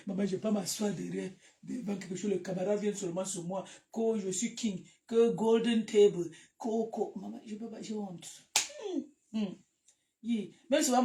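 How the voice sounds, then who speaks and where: A woman with a Cameroonian French accent chatting casually to her followers, animated and breaking into loud bursts. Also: medium pitch, gravelly, slight background noise. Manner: animated, laughs loudly, shifts to loud bursts. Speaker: social media live host. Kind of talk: casual live chat to followers.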